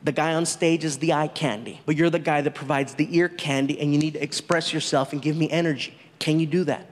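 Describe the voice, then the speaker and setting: A man acting out a male film director who gives notes in a low, measured voice. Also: steady tone, natural voice. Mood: instructing. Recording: long reverb of a big hall.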